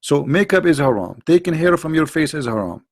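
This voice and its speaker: This middle-aged man hosts a live stream, lecturing emphatically on religion in non-native English. His voice is a little high with big pitch swings and a fairly quick pace, and he restarts often and reads out viewer questions.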